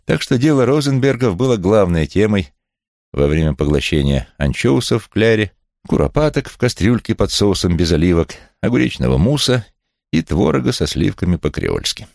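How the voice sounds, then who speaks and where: Male audiobook narrator, very low and gravelly, wry first-person delivery, dry studio sound. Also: big pitch swings, normal speed, darkish tone, dry recording. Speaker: audiobook reader.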